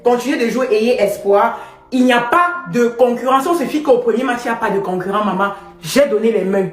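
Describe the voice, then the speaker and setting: A woman's voice: on the high side, fairly quick, roomy sound, faint music behind. A woman giving emphatic, effusive live stream commentary, pleading and praising in turn.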